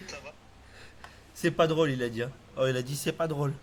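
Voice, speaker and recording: A man live streaming in casual chat, loud and teasing with plenty of swearing banter. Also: mid-range voice, fairly quick.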